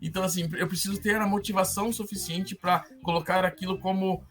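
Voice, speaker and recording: A middle-aged Brazilian man, a podcast guest, talking in a halting way, repeating words and tagging questions onto his sentences. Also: sits high, steady tone, fairly bright tone. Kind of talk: casual interview conversation.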